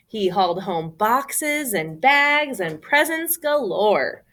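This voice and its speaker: A woman storyteller reads a children's picture book aloud, taking her time. Her voice is medium-pitched, and her delivery is expressive, emphatic and theatrical.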